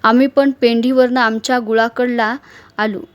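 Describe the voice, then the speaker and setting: A woman's voice: fairly high pitch, normal speed. Woman narrating a rustic village story. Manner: steady, dialect-flavoured narration. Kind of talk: narrated short story reading.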